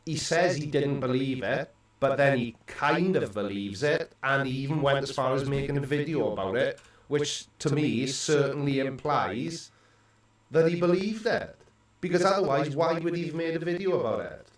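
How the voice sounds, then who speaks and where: A man's voice: medium pitch, animated, moderate pace. Man with a cave-like echo. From Wales. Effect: cave-like echo on his voice. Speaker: co-host. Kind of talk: casual livestream chat. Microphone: home computer mic over an online call. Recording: echoey room, voice far from mic.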